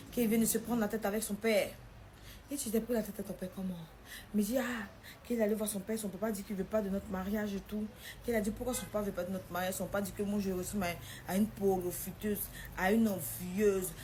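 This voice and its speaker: A young woman tells a personal story, acting out the quoted lines in a lively way. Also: mid-range voice, a little hiss or hum.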